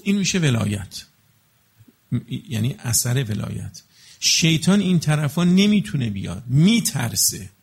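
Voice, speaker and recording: Male preacher, husky rough timbre, casual teaching delivery that drops into slow chanted blessings. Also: mid-range voice, big pitch swings. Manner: explains with everyday examples and rhetorical checks on listeners. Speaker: religious preacher. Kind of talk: colloquial religious talk to an audience.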